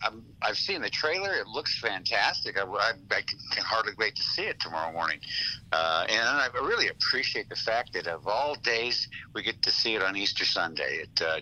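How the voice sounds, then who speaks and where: A man calling in and heard through a phone on speakerphone, talking earnestly and haltingly with many restarts. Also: fairly low pitch, bright, forceful tone, rough recording. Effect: heard over a phone on speakerphone. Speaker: caller joining by phone. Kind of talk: casual call-in chat.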